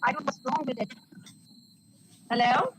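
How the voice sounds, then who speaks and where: Woman, remote guest, video call, glitching broken-up audio, loud line noise, keeps checking if she is seen. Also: sits high, moderate pace. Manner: repeatedly checking whether she can be seen. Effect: glitching, breaking-up audio over a bad connection.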